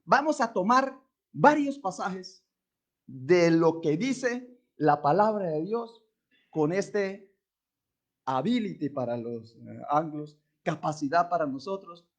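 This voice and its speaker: A man with a Colombian accent, a pastor preaching a sermon, swinging from casual storytelling to loud emphatic questions. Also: fairly high pitch, muffled recording. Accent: Colombian Spanish. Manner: conversational storytelling asides.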